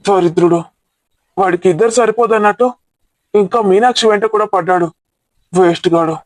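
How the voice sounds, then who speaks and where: An indignant relative rails against a scoundrel and lectures the family, as a man acts him out. His voice is fairly high for a man and his delivery is scolding. The sound is dry and close. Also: brisk, no room sound, close to an everyday voice. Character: angry male relative scolding and advising the family. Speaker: actor in a family comedy drama. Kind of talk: amateur family drama acting.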